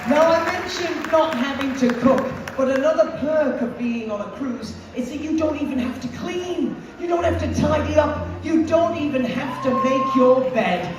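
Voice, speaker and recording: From the stage of a cruise ship venue, an upbeat woman cruise director rallies the crowd, emphatically introducing the officers live. Her high-pitched voice moves at normal speed with hardly any pauses, picked up by a distant mic through an echoey PA in a large hall over music and audience noise.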